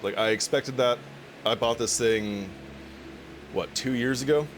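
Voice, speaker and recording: A man's voice: medium pitch, measured pace, slight background noise. A man chatting casually with his viewers on a cooking live stream, laughing often and swearing now and then.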